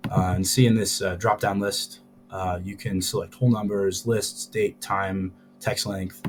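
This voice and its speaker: Low, flat-voiced man with a swollen sore throat. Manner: hesitant, informal. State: sore throat, thick swollen-tonsil sound. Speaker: tutorial presenter. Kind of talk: casual, unscripted software tutorial. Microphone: laptop's built-in microphone. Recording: low-quality laptop mic, music behind.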